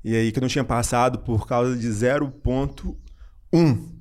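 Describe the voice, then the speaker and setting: A young man from Brazil, a psychiatrist, guesting on a podcast and telling a personal story in an animated way, laughing often and repeating phrases. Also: medium pitch, normal speed. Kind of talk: casual storytelling in an interview.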